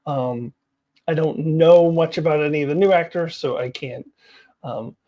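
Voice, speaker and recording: A woman with a low, warm voice talks at a moderate pace, vlogging casually to her viewers. She shares her opinions on TV news candidly and with self-deprecation, often laughing as she goes.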